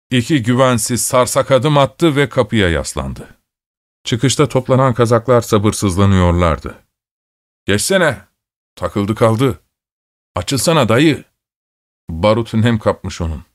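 Low-voiced man reading a story. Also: dry recording, studio quality. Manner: steady, measured reading. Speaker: narrator. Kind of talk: audiobook narration.

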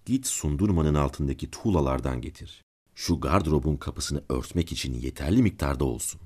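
A man's voice: extremely low pitch, expressive, normal speed, darkish tone, slightly rough, full character voice. A man voicing a cold, controlling nobleman count in a storybook reading, giving stern commands.

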